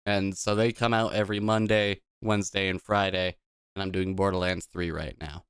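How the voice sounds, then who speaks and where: A man's voice: deep voice, little pitch movement, moderate pace, a bit bright, smooth, no room sound, clean studio sound. A tipsy man, a gaming streamer, chatting casually on a live stream into a desk microphone, rambling, swearing casually and laughing at himself.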